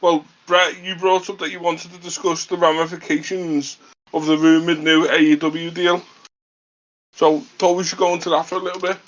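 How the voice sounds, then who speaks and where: Higher-voiced man hosting casual chat. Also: level tone, moderate pace, a bit bright, highs cut off. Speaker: podcast host.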